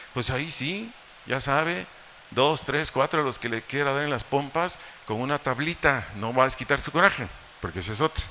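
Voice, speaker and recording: Bright-voiced Mexican pastor preaching. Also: male voice, medium pitch. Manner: teaching, with rhetorical questions to the congregation and humorous asides. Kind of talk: sermon. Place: church hall. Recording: echoey church hall, faint noise.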